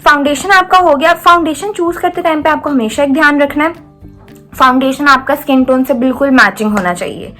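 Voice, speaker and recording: A woman's voice: high-pitched, brisk, bright, forceful tone, faint music behind. A young woman from India giving a makeup tutorial in a chatty, step-by-step way, often checking in with the viewer. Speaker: beauty vlogger. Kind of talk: makeup tutorial, casual Hinglish chat.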